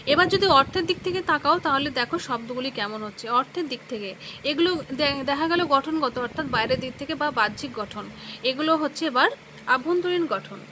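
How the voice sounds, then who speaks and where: A woman teacher with a high, bright voice talks through a grammar lesson, sounding out words syllable by syllable. She keeps asking questions and answering them herself. Faint noise hums behind her. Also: expressive, a little fast, rough recording. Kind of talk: classroom lesson explaining grammar.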